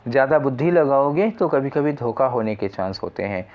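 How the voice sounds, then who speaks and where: A man's voice: medium pitch, expressive, moderate pace, muffled recording. Man teaching an exam prep lesson. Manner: explains step by step, asking and answering own questions.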